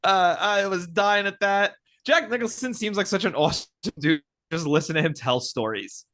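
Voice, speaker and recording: A man's voice: high voice, expressive, normal speed, a bit bright. A man co-hosting a podcast, wryly pointing out film details in casual chat. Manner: wry, nitpicky, points out film details and laughs. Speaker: podcast co-host.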